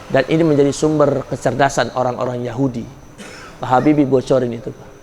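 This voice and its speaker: A man's voice: medium pitch, steady tone, fairly quick, a little mellow, a little hiss or hum. A man preaching a sermon at a religious study gathering, turning to his listeners with casual colloquial asides and rising sharply when he scolds. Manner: casual colloquial asides addressing the men in the audience.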